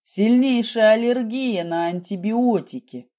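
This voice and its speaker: A woman reading an audiobook, voicing a female anesthesiologist who speaks slowly and strained. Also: a little high, dark tone, natural voice. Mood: tense. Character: female anesthesiologist, tense and helpless.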